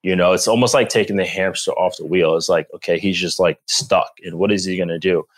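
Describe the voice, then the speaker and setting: A man's voice: low-pitched, a little fast. A man in his thirties from the East Coast of the US, a guest telling stories in a casual chat and laughing often. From Rhode Island, US East Coast. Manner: animated storyteller who laughs often. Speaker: guest, former pro football player.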